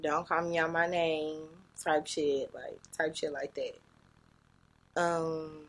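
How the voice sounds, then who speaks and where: A woman's voice: low-pitched, level tone, slow pace, fairly bright tone. A young woman chatting casually on a podcast, hesitant and blunt, swearing freely. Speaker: podcast guest co-host.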